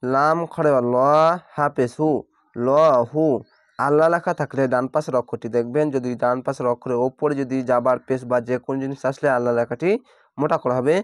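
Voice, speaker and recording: A man teaching Quran reading in Bengali, spelling out each letter and vowel mark before blending the full word, with calm step-by-step explanations. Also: medium pitch, fairly quick, no room sound, clean studio sound. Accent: Bangladeshi Bengali. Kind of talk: slow spelled-out recitation lesson.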